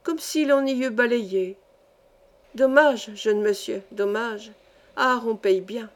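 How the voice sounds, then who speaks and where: A greedy old peddler man wheedles and fawns in an insistent sing-song, as a woman reading a story puts him on, with a voice pitched a little high. The coaxing never lets up. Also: takes it slowly. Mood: wheedling.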